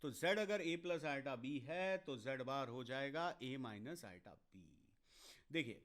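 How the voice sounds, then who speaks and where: Speaking with medium pitch, lively intonation and a fairly bright tone, this Indian-accented teacher works through maths problems for exam students online. He blends Hindi and English, addresses learners directly and pauses for brief asides responding to their comments.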